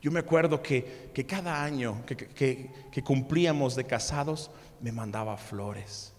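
A sorrowful elderly widow , as a preacher puts her on, speaks low and hushed, lost in tender memories of her late husband. Her quiet, dropped voice trails off in a long, echoing hall. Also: a little slow, lightly acted. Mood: wistful.

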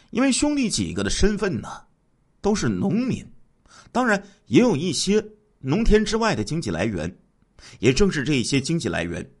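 Animated male true-crime storyteller. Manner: animated storyteller, sweeping pitch jumps, drawn-out particles. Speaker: narrator of a true-crime radio program. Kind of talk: dramatic storytelling narration.

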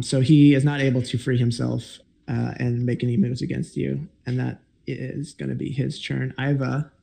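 A man with a gravelly, mellow voice runs a tabletop game as its game master. He talks in a relaxed, meandering way, full of ums and restarts. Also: mid-range voice. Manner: relaxed, rambling with frequent fillers.

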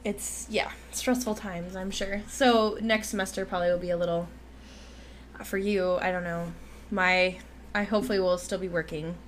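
A young woman co-hosts a podcast, chatting casually with fillers, restarts and lots of laughter. Her voice sits on the low side with fairly even intonation and a moderate pace, and there's slight background noise.

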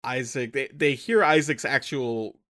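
A man's voice: medium pitch, measured pace, a bit bright. A man co-hosting a podcast, recapping a film in casual chat, rambling and correcting himself as he goes, often laughing. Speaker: podcast co-host. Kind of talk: casual movie review chat.

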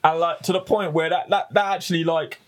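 A man's voice: fairly high pitch, steady tone, brisk. A man telling stories in a casual group chat, rambling with fillers. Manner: rambling storyteller, many fillers and restarts. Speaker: podcast co-host.

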